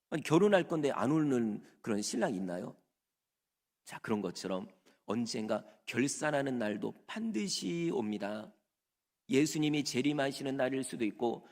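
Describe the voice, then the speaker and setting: A male pastor preaching a Sunday sermon in a church sanctuary, acting out the voices of the people in the story he tells. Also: medium pitch. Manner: lively preaching, acts out servants' voices in quotes. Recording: long hall reverb.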